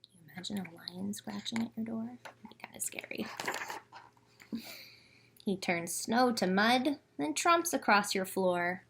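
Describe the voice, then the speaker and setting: A woman leads a children's library storytime at a measured pace, her medium-pitched voice showing vocal fry and long pauses, with a slight hiss or hum in the recording. She reads and chats in simple, expressive phrases addressed to the kids.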